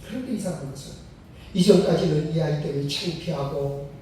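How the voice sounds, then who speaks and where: A man's voice: a little high, a little fast, dark tone, a little hiss or hum. An older man, a retired senior pastor, preaching a sermon and telling a story with emphatic, repeated phrases. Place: church sanctuary. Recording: very echoey sanctuary, mic far off.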